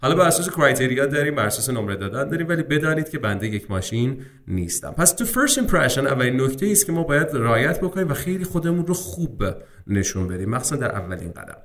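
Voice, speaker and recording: A man coaching students for a speaking exam. His pitch swings up and down as he talks, and he drops English words into in a casual, chatty way. His voice sits in a mid range. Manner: lively, addresses viewers as friends, mixes English terms into Persian. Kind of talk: casual exam-prep lesson.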